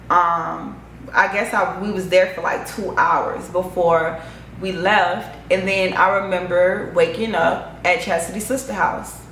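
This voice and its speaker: A young woman telling a personal story in a casual, animated, profane vlog monologue. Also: fairly low pitch, slight background noise. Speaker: vlogger. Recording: echoey room, faint ambience.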